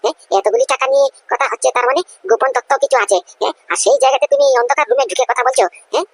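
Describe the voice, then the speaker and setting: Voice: sits high, sing-song, very fast, creaky, full character voice. A performer voicing a brash young man in a cartoon comedy, sharply grilling his aunt about a lie. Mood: accusing. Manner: brash, accusing, repeated "hm?".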